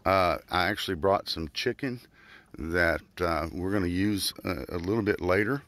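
A man's voice: low voice, moderate pace, a bit bright, no echo. A man in his forties hosting a casual fishing vlog from a small boat on a river, talking with lots of fillers into a handheld phone. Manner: chatty, filler-heavy, upbeat. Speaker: fishing channel host. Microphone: handheld phone camera. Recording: outdoor noise from water and boat.

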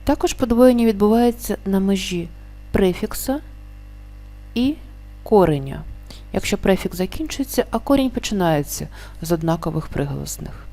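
Mellow-voiced woman teaching spelling rules. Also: mid-range voice, lively intonation. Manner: explains rules slowly, stretching example words. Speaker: language teacher. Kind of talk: spelling lesson.

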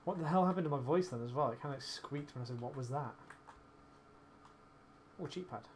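A man's voice: on the high side, quick pace, noisy background. A man streaming a shooter game, chatting casually over a headset, joking and swearing with his teammate. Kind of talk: casual gaming chat.

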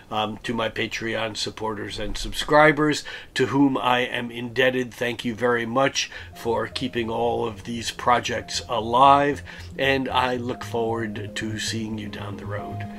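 A hoarse man with a raspy voice, recovering from illness, speaking as an astrologer in a methodical forecast monologue that goes through dates and planetary aspects one by one. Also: medium pitch, a bit bright, slight background noise.

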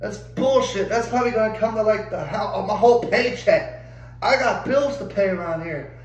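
A man's voice: high voice, normal speed, roomy sound, rough recording. A young adult man ranting angrily and profanely to camera, exasperated and swearing constantly. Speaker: vlogger. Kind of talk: angry rant to camera.

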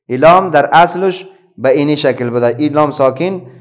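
Teacher, male, Afghan Dari accent, a bit high-pitched, patient question-and-answer classroom delivery with pauses. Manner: asks the pupils questions and answers them himself, with many pauses and fillers. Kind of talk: classroom Quran reading lesson for children.

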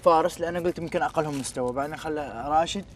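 A man's voice: on the high side, rapid-fire, a little hiss or hum. A man with a Gulf Arabic accent giving emphatic opinions in a casual group chat and repeating his phrases. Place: large walled courtyard set with a group of men.

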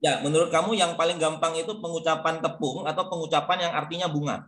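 A man's voice: on the high side, steady tone, quick pace, a bit bright, roomy sound. Encouraging man teaching online. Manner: encouraging, calls on students by name. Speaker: lecturer. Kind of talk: online English pronunciation class. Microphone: video call.

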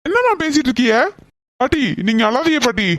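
A woman doing a gentle, patient cartoon son. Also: high voice, sing-song, quick pace, dry recording, voice pushed down. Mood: gentle reasoning. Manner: soothing, patient, persuasive. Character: calm young man, gentle reasoning son. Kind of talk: cartoon voice acting.

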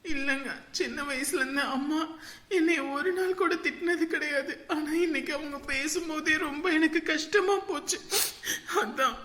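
A timid young bride-to-be, played by a woman, speaks softly and hesitantly through tears. Her voice sits high, and the room rings with echo. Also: moderate pace. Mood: teary, timid. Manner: soft, hesitant, sobbing. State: crying. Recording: echoey room.

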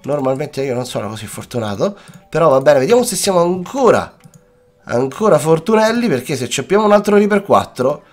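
Young Italian Let's Play host, animated and jokey, voice a bit worn from coughing, faint music underneath. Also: male voice, fairly high pitch, brisk. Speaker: gaming YouTuber. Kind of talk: casual Let's Play commentary. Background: faint background music.

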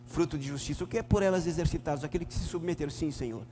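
A man with a southern Brazilian gaúcho accent, a pastor teaching a Bible lesson emphatically, swinging from loud to soft. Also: a little high, rapid-fire. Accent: southern Brazilian, Rio Grande do Sul. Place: church hall. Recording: reverberant church hall, faint hum.

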